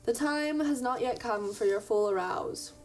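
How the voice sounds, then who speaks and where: Calm, formal unseen beings from the far future, speaking with odd inflections and stiff phrasing, as a woman reads them aloud. The voice sits fairly high. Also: moderate pace, soft background music, lightly acted.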